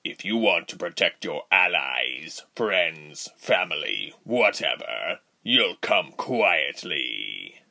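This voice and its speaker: A man's voice: low voice, very animated, gravelly, bright, forceful tone, pitched below the performer's own voice, heavily acted. A man playing a smug, scheming male villain commander who smirks and threatens. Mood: menacing. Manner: slow, smirking, menacing.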